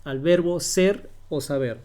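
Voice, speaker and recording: Male teacher, slightly high voice, slow and patient delivery, repeats examples during a one-on-one lesson. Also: dark tone. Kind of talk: one-on-one grammar lesson over a call.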